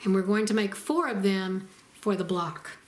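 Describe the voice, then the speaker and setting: A woman narrating a step-by-step quilting tutorial as the instructor, in a calm and methodical way. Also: medium pitch, normal speed, slight background noise. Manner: calm, methodical, explains each step plainly.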